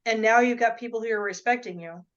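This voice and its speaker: Higher-voiced woman host, muffled sound. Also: fast. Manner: affirming, reflective, sums up the guest's story. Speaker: interview host. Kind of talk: interview conversation.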